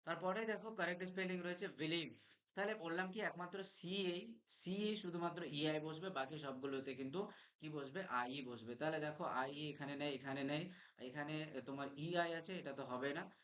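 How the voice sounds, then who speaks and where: A man's voice: on the high side, normal speed, a bit bright. A young man, teaching an exam revision lesson, explaining step by step and spelling words out letter by letter.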